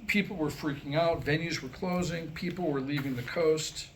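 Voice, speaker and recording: Speaking at normal speed with a voice on the high side, a middle-aged male playwright tells stories and performs a comedic monologue for a live audience at a staged reading. The audio is poor, and the room recording includes background noise.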